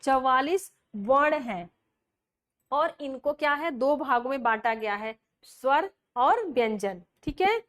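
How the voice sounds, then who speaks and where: A woman lecturing as a language teacher, her voice pitched high. She moves at a slow, deliberate pace, listing sounds one by one and posing questions she then answers herself. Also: expressive, fairly bright tone. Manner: explains step by step, asks questions then answers them. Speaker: Hindi teacher. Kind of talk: classroom lecture.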